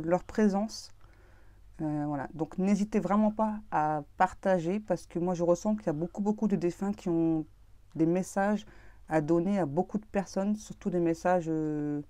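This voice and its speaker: Soft-spoken woman tarot reader, hesitant. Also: fairly low pitch, no room sound. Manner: hesitant, many fillers and restarts. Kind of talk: casual tarot reading monologue.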